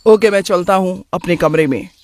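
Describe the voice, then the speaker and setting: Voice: mid-range voice, moderate pace, darkish tone, no room sound, natural voice. A voice actor doing a breezy young city guy. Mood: dismissive. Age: young adult. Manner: mixes English slang into his talk. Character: young adult man, breezy and careless. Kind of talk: cartoon story voice acting.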